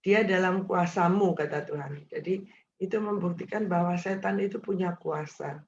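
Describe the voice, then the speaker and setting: A woman's voice: on the low side, normal speed, darkish tone, dull audio, a little hiss or hum. A woman leading a morning devotion, reading scripture and teaching while addressing her listeners directly. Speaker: devotion leader.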